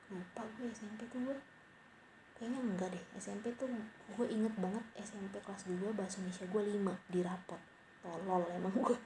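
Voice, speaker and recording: Her voice lowish and creaky, this young woman rambles through a casual late-night podcast monologue, mocking herself in slangy terms and occasionally slipping into whispered asides. The cheap home mic picks up noise.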